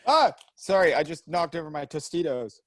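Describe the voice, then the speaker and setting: A man in his twenties co-hosting a podcast, chatting casually with quick self-mocking asides. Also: a little high, very animated. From Canada. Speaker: podcast co-host. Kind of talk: casual chat.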